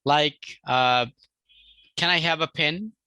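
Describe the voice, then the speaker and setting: Male teacher, forceful voice, dry close sound, repeats and spells out words. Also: on the high side, takes it slowly, smooth, no room sound, dull audio. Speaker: English teacher. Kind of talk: live spoken-English class.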